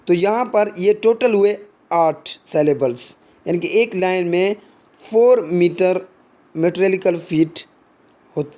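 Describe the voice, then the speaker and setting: A man's voice: sits high, a little mellow. A man teaching literary terms, explaining in Hindi and mixing in English terms, with frequent fillers and restarts.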